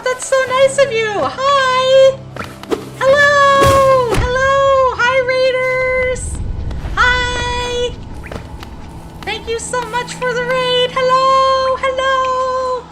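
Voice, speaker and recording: Female VTuber from Canada, cute anime-streamer bubbliness, unhurried casual livestream chat, echoey room with loud music. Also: very high voice, steady tone, recorded from a distance. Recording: roomy echo, off-mic, loud music behind.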